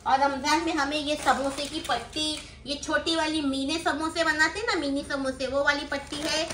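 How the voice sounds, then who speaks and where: Sitting on the floor in a small room, a middle-aged vlogger with a Mumbai accent talks through her groceries in a relaxed way, explaining items and checking in with quick tag questions. She has a high, slightly bright voice, fairly even intonation and a moderate pace. Someone close by films on a phone, and the audio carries a roomy echo with faint noise behind it.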